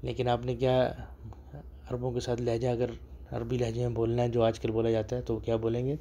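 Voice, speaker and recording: A man giving a video lesson on spoken Arabic dialect, explaining phrases patiently and repeating each one slowly with emphasis. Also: medium pitch, completely flat delivery, mellow, slight background noise.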